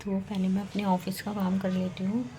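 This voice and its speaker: A young woman, a mother of twins, chatting casually at home in a vlog and speaking softly at times. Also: medium pitch, completely flat delivery, fairly quick, background noise. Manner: chatty and affectionate, soft-spoken while babies sleep.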